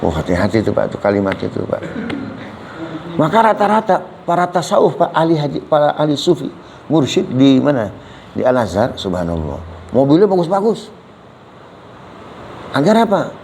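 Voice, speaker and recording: A man with a fairly high, creaky voice preaches at normal speed with frequent pauses, on poor audio with a slight hiss or hum. His lively Islamic lecture is full of jokes and audience questions; he keeps calling listeners "Pak" and drops "subhanallah" between points.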